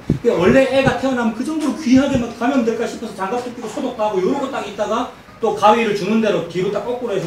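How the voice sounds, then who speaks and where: A man preaching an expository sermon as a pastor, emphatic and animated, telling stories and asking the congregation rhetorical questions. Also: sits high, noisy background. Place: church sanctuary. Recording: echoey church hall, mic at a distance.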